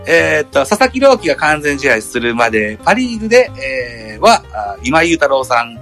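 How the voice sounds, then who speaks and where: A man chatting casually on a podcast in a polite, measured way, with many pauses and fillers. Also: mid-range voice, very animated, vocal fry, a bit bright, soft background music. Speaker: podcast co-host. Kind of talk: casual chat.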